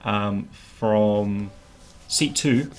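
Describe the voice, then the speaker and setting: A man casually commentating and joking as host of a live poker stream, with hesitant pauses. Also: lowish voice. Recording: noticeable background noise.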